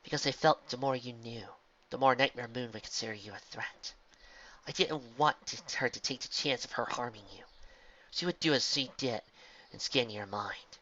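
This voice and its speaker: Dude doing a gentle royal pony princess, soft hushed near-whisper, muffled lo-fi sound. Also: male voice, medium pitch, normal speed. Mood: earnest. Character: gentle, regal female alicorn princess and mentor. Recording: dull lo-fi recording.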